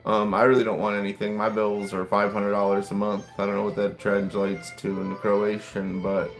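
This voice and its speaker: Faint classical music sits behind a fairly low, monotone male voice at normal speed. He's an American in his late thirties, casually rambling on a livestream and reacting to viewer messages while his restaurant order is on the way.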